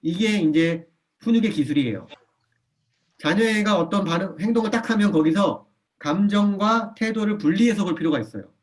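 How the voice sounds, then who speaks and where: A man's voice: high-pitched, normal speed. A man lecturing a church parenting class. He speaks with energy, checks that the audience follows, and repeats his key points. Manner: animated, often acts out a parent's lines in a soft voice. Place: church hall.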